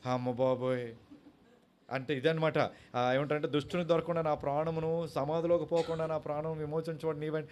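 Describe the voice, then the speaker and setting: Man, pastor, lively preaching, mixes sung lines into the talk. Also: on the high side, slight background noise. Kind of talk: sermon.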